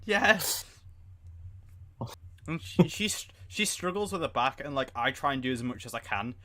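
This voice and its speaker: A young man chats on a live-streamed podcast, rambling from one story to the next. His voice is bright and a bit tense. He often talks over his co-host. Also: mid-range voice, animated, normal speed. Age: young adult. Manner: rambling, chatty, talks over the other speaker. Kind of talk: casual chat on a live stream.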